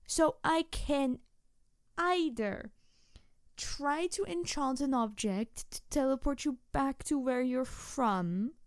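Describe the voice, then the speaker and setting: In a roleplay audio, a woman voices an excitable, playful young tanuki spirit who rambles and stammers while talking to the listener. Her voice is high-pitched, and the recording is dry and studio quality.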